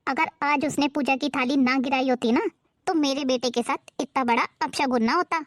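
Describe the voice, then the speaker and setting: A woman's voice: high voice, fairly even intonation, normal speed, slight background noise, natural voice. A woman playing a harsh, superstitious middle-aged mother-in-law who scolds in a bossy way, in a homemade moral-story drama. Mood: accusing. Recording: music clearly behind the voice.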